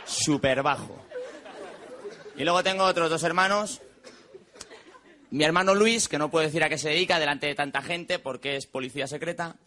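A man performing a stand-up monologue on stage, delivering quick deadpan punchlines and mimicking his relatives. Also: a little high, some chatter behind. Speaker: stand-up comedian. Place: stage before a live audience. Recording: stage recording with audience laughter and noise.

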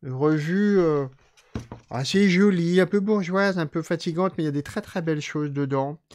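Slightly high-voiced man reading poetry aloud. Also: a little mellow, slight background noise. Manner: slow measured recitation, then chatty offhand remarks. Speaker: poetry reader and stream host. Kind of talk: live poetry reading with casual asides.

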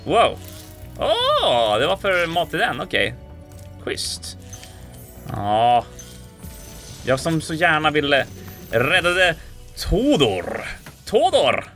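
A man giving casual, excitable commentary as he plays a video game, with frequent exclamations and playful sound effects. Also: a little high, long pauses, faint music behind. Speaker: let's player.

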